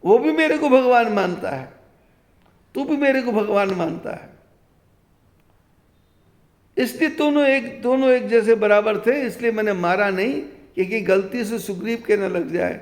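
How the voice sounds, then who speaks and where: A man, a spiritual teacher, retelling scripture in a devotional discourse and slowly chanting verses. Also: high voice, long reverb tail.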